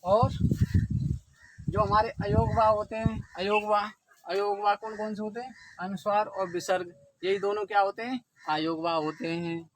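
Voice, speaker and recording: A man's voice: high voice, fairly even intonation, unhurried, dry recording. A man teaching an exam-prep lesson, explaining step by step and often putting questions to the viewers.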